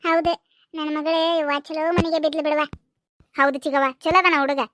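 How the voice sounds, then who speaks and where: High fast-talking woman, North Karnataka accent. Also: flat delivery, a bit bright, no room sound. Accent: North Karnataka Kannada. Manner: quick, chatty village banter. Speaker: cartoon voice artist. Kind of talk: cartoon comedy voicing several village characters.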